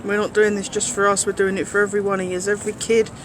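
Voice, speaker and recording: Fast and monotone, a high-voiced co-host urges his livestream audience to share, hammering the point by repeating words. The casual chat is streamed by phone from a London street, with traffic and crowd noise in the background.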